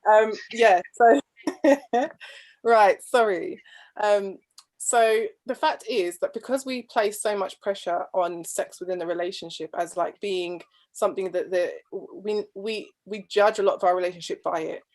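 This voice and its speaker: Over a patchy video call, a woman who speaks as a guest on marriage talks a little slowly in a mid-range, somewhat dark voice. Her conversational discussion is thoughtful and earnest, full of restarted and trailing phrases.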